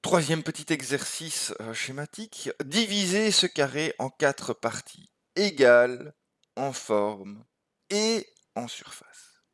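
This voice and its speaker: A man gives a recorded lecture on creative thinking over slides. He thinks aloud, pausing to check in with listeners and tagging his phrases with "hein" and "ok". His mid-pitched voice sounds close and dry, with no room around it. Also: expressive, fairly bright tone, no echo. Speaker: creativity teacher.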